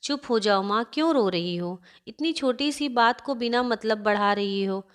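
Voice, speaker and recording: A woman's voice: on the high side, moderate pace, fairly bright tone, smooth, close to an everyday voice. A woman voicing a young husband who harshly scolds his wife in a family story. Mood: impatient. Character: angry shouting young husband.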